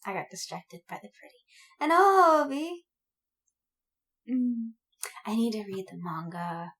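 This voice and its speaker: A woman co-hosting a podcast gushes and giggles like a fangirl during a casual chat about anime and fandom. Her medium-pitched voice is animated and fairly bright, at a measured pace.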